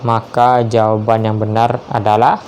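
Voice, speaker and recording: A man slowly reading multiple-choice quiz questions aloud and confirming each answer. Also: on the low side, flat delivery, darkish tone, dull audio, slight background noise. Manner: measured, spells out each option, confirms answers with "ya".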